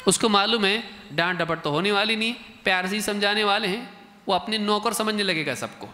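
A man giving a colloquial, lively religious workshop talk, acting out exchanges between parents and children. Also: sits high, moderate pace, slight background noise. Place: large mosque hall, indoors. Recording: reverberant mosque hall.

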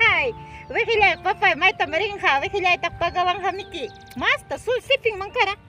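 A rural Andean mother, played by a woman, protective and agitated. Her voice sits very high and runs quick. Music plays under her, in a homemade drama style. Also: expressive. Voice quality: high, quick, mixing Quechua and Spanish. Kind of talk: amateur drama acting. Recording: music bed behind.

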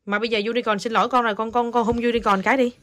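A mother with a Southern Vietnamese accent talking to her toddler at home, coaxing and gently scolding in a casual chatty way. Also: a little high, level tone, rapid-fire, heavy background noise. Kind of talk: casual home video chat.

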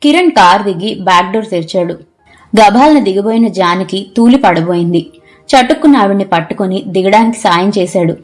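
A woman narrating a novel in an audiobook, telling the story in a measured, expressive way. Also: medium pitch, faint music behind. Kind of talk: scripted narration.

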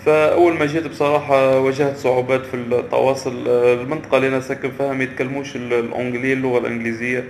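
A man chats quickly to camera, halting and restarting as he searches for words. His voice is gravelly and stays flat. The recording is roomy, with faint ambience behind him. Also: medium pitch, a little hiss or hum. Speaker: vlogger. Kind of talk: casual vlog to camera.

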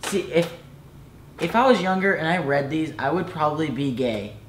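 A man's voice: fairly high pitch, expressive, moderate pace, a little hiss or hum. A young man reading fan fiction aloud as a guest, dry and embarrassed, hamming up the quotes. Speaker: guest friend. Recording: roomy echo, faint music.

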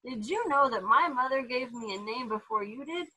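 A woman reading a children's storybook aloud with animated delivery, putting on voices for the characters. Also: on the high side, moderate pace, husky, low-quality recording. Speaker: therapy dog handler reading to kids.

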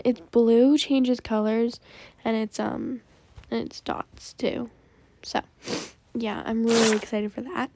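A woman's voice: on the high side, dark tone. A young woman hosting a gaming channel, chatting casually about her game pets and often saying "like" and "um". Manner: chatty, says "like" and "um" a lot.

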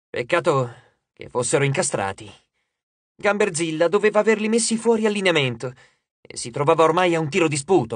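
A man narrating an audiobook in a lively, dramatic storytelling manner on a studio microphone. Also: fairly high pitch, no echo.

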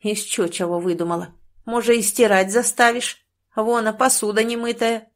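A woman voicing a lazy, rude young village husband, gruff and dismissive. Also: a little high, steady tone, moderate pace, lightly acted.

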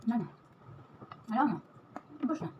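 A woman's voice: on the high side, big pitch swings, moderate pace, highs cut off, a little hiss or hum. A woman vlogger chatting casually while eating, talking with her mouth full. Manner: chatty, eats while talking, giggly asides. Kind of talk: casual mukbang vlog.

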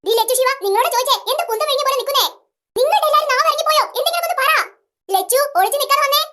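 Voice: very high voice, expressive, rapid-fire, bright, forceful tone, exaggerated voice. A performer voicing a nagging mother in a comic family skit, scolding her children late at night. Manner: bossy, nagging.

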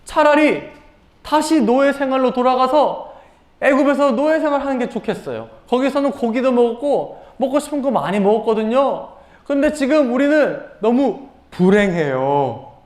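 A high, whining plea from hungry wanderers in the desert, as a children's teacher puts them on in a storytelling sermon. The voice swoops up in a complaining sing-song. The room rings with echo. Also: expressive, moderate pace, darkish tone. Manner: high pleading whine.

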